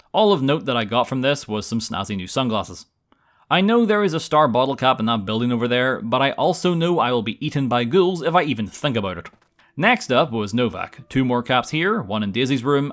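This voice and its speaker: A man's voice: mid-range voice, a bit bright. A man narrating gameplay from a script in a wry, casual, tongue-in-cheek manner. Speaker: gaming video narrator.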